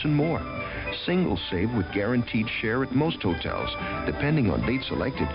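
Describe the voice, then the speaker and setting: A man with an American accent reading a scripted 1970s radio commercial as an announcer. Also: lowish voice. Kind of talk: 1970s scripted travel ad read. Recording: muffled 1970s radio broadcast. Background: music.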